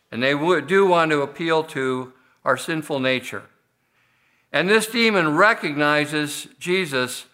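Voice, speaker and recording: Older male pastor with a bright voice. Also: mid-range voice. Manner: measured, unhurried delivery with frequent pauses and restarts. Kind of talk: sermon.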